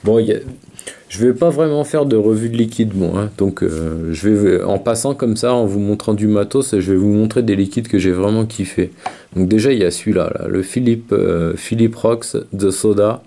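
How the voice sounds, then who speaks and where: Low gravelly guy rambling along, lots of umms, dark mellow voice. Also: moderate pace. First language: French. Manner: hesitant, many fillers, talks while vaping. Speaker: vape video reviewer. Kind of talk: casual chat.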